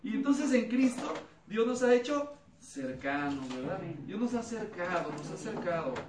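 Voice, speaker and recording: This pastor's high voice swings widely in pitch at normal speed. In an expository sermon with anecdotes, he questions the congregation, repeats back what they say, and acts out the voices in his stories. The sound comes from a distant mic in a noisy, echoey room.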